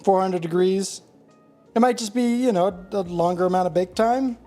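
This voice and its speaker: Dry-humored woman with a dark voice. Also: medium pitch, normal speed, soft background music. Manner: wry, dry humor, matter-of-fact. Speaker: home baker, co-host. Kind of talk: casual kitchen chat. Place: home kitchen.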